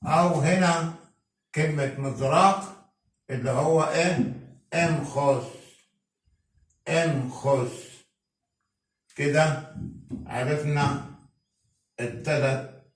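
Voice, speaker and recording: A man with an Egyptian Arabic accent teaching a pronunciation lesson, repeating each example word slowly. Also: mid-range voice. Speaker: Coptic language teacher. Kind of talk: slow spelled-out pronunciation lesson. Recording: very echoey room, mic far off.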